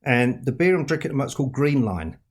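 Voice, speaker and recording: A middle-aged author from England with a London accent chats as a guest on a podcast over a video call, teasing and laughing as he goes. His medium-pitched voice is very animated and rapid-fire, with a breathy edge.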